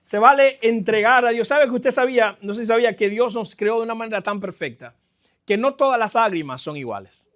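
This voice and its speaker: High-pitched pastor guy preaching, gets loud then goes quiet, drops english bits, in a church. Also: a little fast. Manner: lively preaching, swings between loud exclamations and quiet stretches; mixes English phrases into his speech. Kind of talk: sermon.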